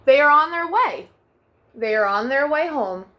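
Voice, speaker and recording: During a children's storytime, a young woman reads picture books in a high voice with lively intonation, keeping a gentle sing-song tone and softly drawn-out refrains.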